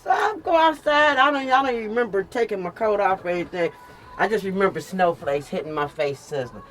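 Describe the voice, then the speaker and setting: An older woman chatting casually and telling stories in an animated, emphatic way, repeating phrases for comic effect. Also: medium pitch, a little fast. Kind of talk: casual storytelling chat. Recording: noisy with clear vehicle and street sound.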